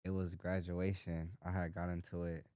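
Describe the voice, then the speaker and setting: A young man from Southern California guesting on a podcast, speaking in low-key, mumbled street slang. His voice is very low and dark, with little rise and fall, and it sits dry and close on the mic. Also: monotone, moderate pace, no echo. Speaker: guest, music artist. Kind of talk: casual chat.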